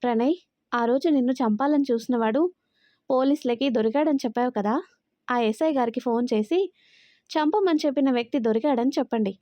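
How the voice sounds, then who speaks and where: A woman voicing an angry, sharp-tongued young woman who scolds and accuses. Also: fairly high pitch, a little fast, no echo, close to an everyday voice. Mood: angry scolding. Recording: dry, slightly dull recording.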